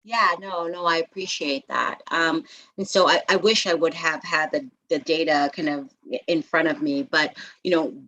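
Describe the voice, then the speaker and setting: Low bright-voiced woman on a video call. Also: normal speed, low-quality recording. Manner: hesitant, many fillers and restarts. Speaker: housing developer presenting a proposal. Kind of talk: public meeting over video call.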